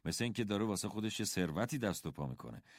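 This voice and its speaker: A gentle, encouraging schoolteacher father, as a male narrator puts him on in an audiobook. He speaks calmly and kindly, his fairly low voice moving with lively rises and falls. The sound is dry and close. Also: dry recording. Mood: warm encouraging.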